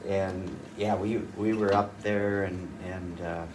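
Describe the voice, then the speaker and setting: Low-pitched, level and slow, this older man is a folk fiddler from rural northwest North Dakota giving a talk of casual stories to a small audience. He rambles folksily, with frequent uh's and restarts. Recorded from across the room on a distant mic, there's a faint hum of room noise.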